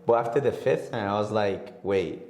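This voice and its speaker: Brief: twenty-something guy from Honduras, very low voice, laid-back storyteller who acts out dialogue, echoey room. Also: normal speed. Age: 20s. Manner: relaxed storytelling, acts out quoted dialogue, laughs often. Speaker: guest real estate agent. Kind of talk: casual podcast interview.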